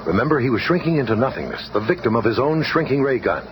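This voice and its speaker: An actor playing an earnest male scientist leader with a calm, explanatory manner in a 1970s radio drama. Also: mid-range voice, fast talker, very noisy, close to an everyday voice. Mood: explaining.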